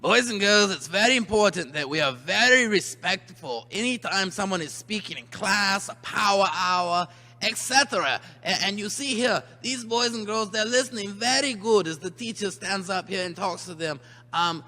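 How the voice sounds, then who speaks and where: A man's voice: sits high, pushed and bright. A man presenting to children in a comic rules announcement, mock-earnest, emphatic and repetitive. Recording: long hall reverb.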